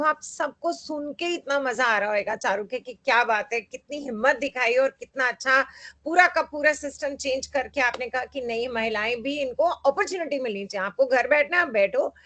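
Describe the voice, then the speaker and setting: High-voiced woman giving a lively workshop talk. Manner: animated, mixes English phrases into talk. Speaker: workshop speaker on branding.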